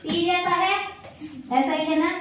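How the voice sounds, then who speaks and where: High-voiced teacher in an echoey classroom. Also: female voice, measured pace, a bit bright, a little hiss or hum. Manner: patient, repetitive call-and-response prompting. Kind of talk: classroom phonics lesson. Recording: echoey room, voice from far off.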